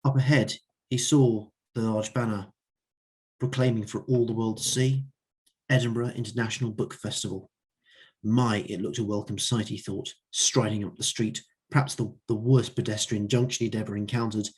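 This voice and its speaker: Husky man reading his own story. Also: mid-range voice, fairly even intonation, moderate pace, darkish tone. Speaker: open mic reader.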